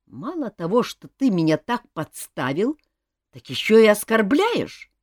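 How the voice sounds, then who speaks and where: A woman's voice: deep voice, sing-song, normal speed, a little mellow, dry recording, clean studio sound. A woman reading an audiobook, voicing a touchy male paladin who blusters and takes offence. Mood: indignant. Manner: indignant, blustering. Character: hot-tempered male paladin, touchy and bluff.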